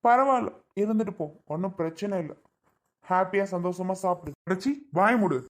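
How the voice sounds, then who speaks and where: A man's voice: high voice, normal speed, natural voice. A man playing an angry husband who scolds and reproaches his wife in a family drama skit.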